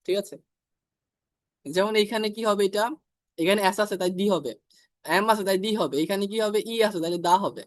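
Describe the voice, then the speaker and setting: A man with a high-pitched voice teaches an online English exam class. He explains grammar rules step by step, says English example sentences slowly, and often checks that the class is following. The sound is dry and close. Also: no echo. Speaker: IELTS teacher.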